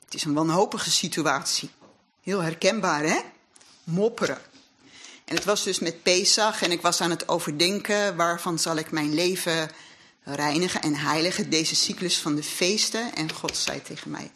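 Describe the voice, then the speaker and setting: A woman's voice: lowish voice, normal speed, a bit bright. A woman giving an earnest, reflective sermon in a church hall, weaving scripture with her own experience. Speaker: lay speaker at a congregation. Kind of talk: sermon with personal testimony.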